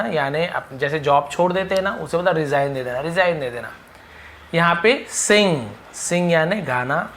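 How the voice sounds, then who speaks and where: A man's voice: fairly high pitch, fairly bright tone. A man with a Hindi accent teaching an English vocabulary lesson, calling out each word and then explaining it with frequent "okay" checks.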